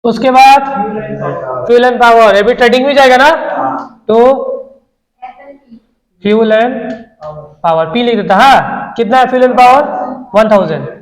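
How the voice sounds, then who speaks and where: A man's voice: very high voice, a little slow, pauses often. A man tutoring an accounts class, quizzing students and repeating the figures aloud. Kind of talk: classroom lesson. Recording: echoey room.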